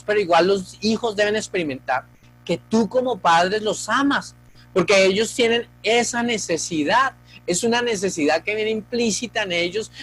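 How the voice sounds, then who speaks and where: A man's voice: sits high, fairly bright tone, breathy edge, low-quality recording. A male pastor preaching a sermon, earnest and speaking straight to the congregation.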